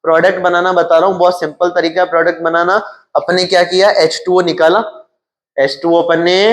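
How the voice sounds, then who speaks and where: This high-voiced male lecturer teaches chemistry with a Hindi accent, posing questions to the class that he then answers on his own while driving home key terms through repetition.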